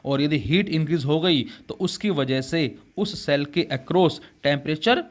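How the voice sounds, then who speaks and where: A man's voice: a little high, expressive, measured pace. A man teaching physics in Hindi mixed with English terms, calling his students beta and asking questions he answers himself. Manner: asks rhetorical questions and answers them himself. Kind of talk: classroom physics lecture.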